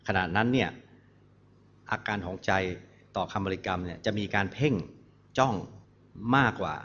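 A man with a fairly low voice teaches meditation in calm, measured phrases, stopping often for his words to be translated. The recording is dull and lo-fi, as if taped in a teaching hall. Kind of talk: dharma teaching with interpreter.

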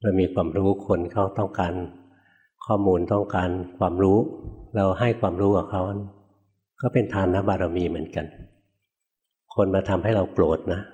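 An older man, a Buddhist monk, gives a dharma talk in a deep, low voice. He talks in a plain, folksy way and chuckles at his own stories. He keeps turning to his listeners with questions. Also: steady tone, normal speed, pauses often, dark tone, muffled recording.

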